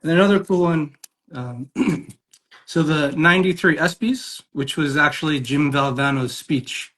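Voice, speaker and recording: A man's voice: a little high, a little slow, fairly bright tone. A man who is a guest on a casual chat show, easygoing, often repeating words as he starts a thought. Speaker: guest ticket collector.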